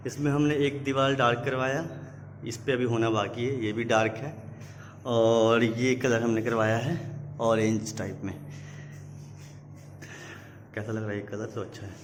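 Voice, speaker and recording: A man's voice: mid-range voice, little pitch movement, a little slow, pauses often, slight background noise. A young man casually vlogging at home, talking to the camera as he walks from room to room. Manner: chatty, playful baby talk with a child. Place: home indoors.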